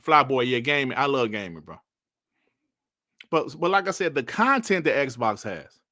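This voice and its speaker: Bright-voiced man in his forties, banter. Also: mid-range voice, big pitch swings, normal speed, dry recording, studio quality. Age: 40s. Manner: loud, laughing, slangy banter with chat. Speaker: streamer reading live chat. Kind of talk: casual livestream chat.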